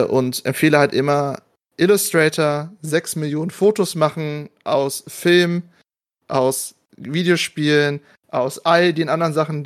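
A man moderating a panel and presenting casually, with a joking, self-deprecating manner. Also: fairly high pitch.

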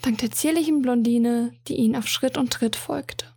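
A woman narrating a romantic fantasy story aloud in a calm, even storytelling manner. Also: fairly high pitch, moderate pace, gravelly, breathy edge, no room sound.

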